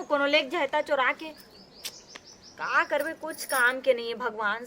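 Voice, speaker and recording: A woman's voice: high-pitched, background noise, natural voice. A woman with a Chhattisgarhi accent playing an exasperated, sarcastic village sister-in-law who nags in a broad comedy skit. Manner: nagging, sarcastic. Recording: loud music behind dialogue.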